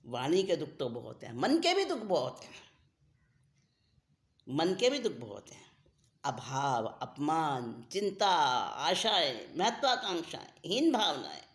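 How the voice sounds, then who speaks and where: Slow, lively-pitched spiritual teacher. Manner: deliberate, repeats phrases for emphasis. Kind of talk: scriptural discourse.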